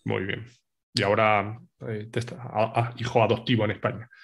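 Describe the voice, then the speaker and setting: Male host, relaxed questions, short agreeing replies. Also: on the low side, fairly quick, creaky. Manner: brief backchannels, relaxed questions. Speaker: podcast host. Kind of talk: casual interview chat.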